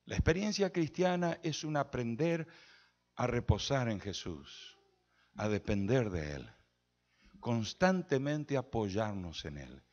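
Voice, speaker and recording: A man's voice: big pitch swings, slow pace, a little mellow, lo-fi sound. A man preaching a sermon as pastor, telling a story and quoting the people in it. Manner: storytelling preacher quoting conversations, emphatic pitch swings.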